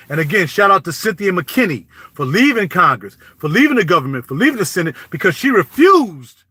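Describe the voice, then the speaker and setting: A man, riffing in animated, preachy street talk as a YouTube vlogger, recorded close to the mic. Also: fairly high pitch. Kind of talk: casual spoken commentary.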